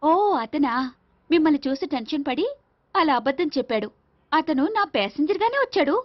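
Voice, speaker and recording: A woman's voice: high-pitched, lively intonation, brisk. A breezy young woman. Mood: offhand. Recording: dull lo-fi film soundtrack.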